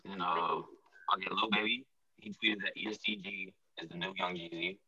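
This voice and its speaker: A man co-hosting a podcast in casual chat, loose and animated, often trailing off and restarting. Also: sits low, moderate pace, breathy edge, dry recording, recorded from a distance. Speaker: podcast co-host. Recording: muffled, off-mic.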